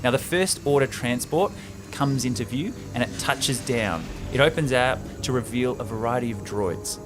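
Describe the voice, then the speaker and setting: A podcast host with a mid-range voice retells a film script at a moderate pace, tossing in enthusiastic, chatty asides and bantering with his co-host. Loud music plays behind him.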